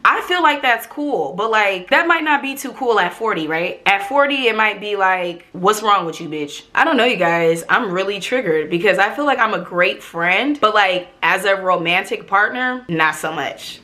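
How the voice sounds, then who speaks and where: Casting: young adult female vlogger, bright forceful voice, medium pitch, frank confessional chat with slangy, emphatic delivery. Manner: candid, emphatic, slangy and profane. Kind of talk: casual confessional chat to camera.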